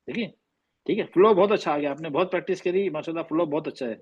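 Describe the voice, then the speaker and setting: A man teaches Quran recitation over a call, stretching sounds slowly as he corrects students. His voice sits slightly high. The audio is dull and lo-fi. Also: husky. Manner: patient, slow demonstrating drills. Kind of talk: online tajweed class correction.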